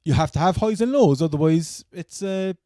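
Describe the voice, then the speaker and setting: A man's voice: a little high, animated, moderate pace, warm tone, dry recording, clean studio sound. A man with a Cork Irish accent chatting casually about sport as a co-host, rambling and stammering as he repeats his phrases. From Cork, Ireland. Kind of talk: casual American football chat.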